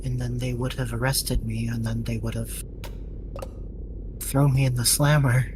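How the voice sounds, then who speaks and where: A woman voicing a calm, observant android who talks bluntly, in a fandub. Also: extremely low pitch, a little slow, background noise. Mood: even. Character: calm, probing android companion. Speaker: fandub voice actor.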